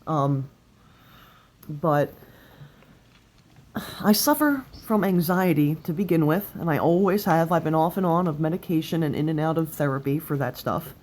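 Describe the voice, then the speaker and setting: A woman in her late twenties with a fairly low voice speaks openly about herself. Her phrases come out halting and broken up, with an occasional stutter. The phone recording has a faint noise behind her. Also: a little mellow. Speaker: person sharing experience of stuttering in a video. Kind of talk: personal confessional talk. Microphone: cell phone. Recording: noisy cell phone recording.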